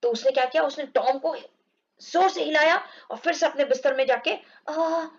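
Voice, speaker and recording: A woman explaining an English textbook story to children, reading the lines slowly and acting out the characters. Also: high voice. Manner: reads English lines slowly, explains in Hindi, acts out groans. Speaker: English teacher. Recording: dull lo-fi recording.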